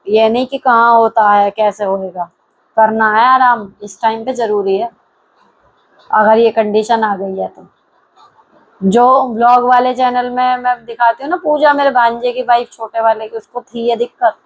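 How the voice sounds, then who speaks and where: A woman's voice: fairly high pitch, poor audio. A middle-aged woman hosting a channel, giving casual, blunt advice in reply to viewer comments and talking straight to the viewer. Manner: mixes English words into her speech. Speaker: host answering viewer comments.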